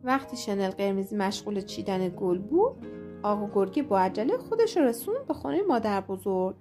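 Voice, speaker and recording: A woman narrating a children's fairy tale in a lively, expressive storytelling manner. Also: medium pitch. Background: soft guitar music.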